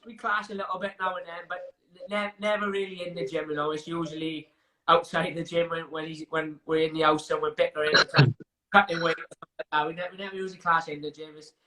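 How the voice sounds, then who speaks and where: A young Welsh man talks casually as an interview guest. His voice is bright and a touch high. He rambles, restarts his sentences and laughs as he tells stories. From Wales. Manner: chatty, frequent restarts and fillers, laughs while telling stories. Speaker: MMA fighter guest.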